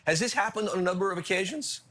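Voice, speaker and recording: Bright high-voiced radio host man. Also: fast. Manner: upbeat, teasing. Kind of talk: radio interview hosting.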